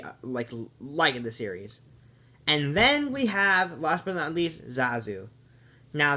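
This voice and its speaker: A man's voice: high-pitched, fairly bright tone. A man giving a casual spoken review of a cartoon series, rambling and often stopping to correct himself. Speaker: video reviewer.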